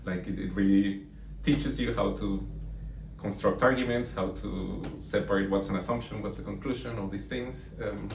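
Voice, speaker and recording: A Colombian mathematics lecturer in his thirties answers interview questions thoughtfully, full of fillers and restarts. His voice sits on the low side, with fairly even intonation and a normal speed. He is recorded from far off in an echoey room with faint noise.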